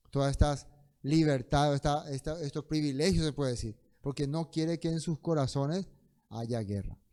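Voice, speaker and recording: A man's voice: on the high side, a little mellow. A man giving a Bible study sermon, reading verses with emphasis and asking rhetorical questions. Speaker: Bible teacher.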